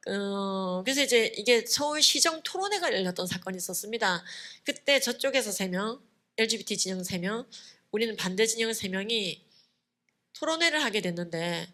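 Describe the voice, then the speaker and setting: A woman delivers a conference lecture to a church audience with a bright, forceful voice. She is emphatic and lively, and she drives her points home with storytelling and short affirming asides. Her pitch sits at an ordinary middle level.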